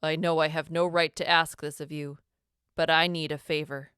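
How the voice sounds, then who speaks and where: A calm, formal male leader from a storybook, measured and apologetic in tone, as a woman reading aloud puts him on. The voice sits low and smooth, recorded close and dry. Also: no room sound.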